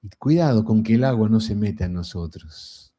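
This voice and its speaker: Middle-aged Rioplatense male preacher; relaxed, conversational sermon delivery with a warm, dark tone and plenty of rhetorical asides. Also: lowish voice, normal speed. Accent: Rioplatense Spanish. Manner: folksy and conversational, frequent rhetorical "¿no?".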